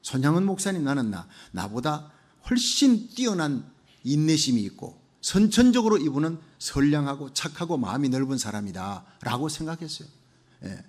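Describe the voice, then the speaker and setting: A male pastor delivers a Sunday sermon with fervent conviction, building rhythmic lists of repeated phrases. His voice sits high and moves expressively, swooping from loud proclamations down to quiet, low-spoken asides. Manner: fervent preaching, swinging from loud declarations to hushed low asides.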